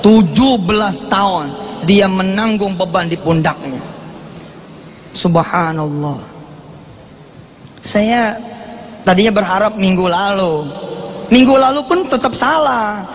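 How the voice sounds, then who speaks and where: A middle-aged man preaching a sermon to a congregation, animated and acting out quoted prayers and complaints. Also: sits high, slow pace, pauses often, a little hiss or hum.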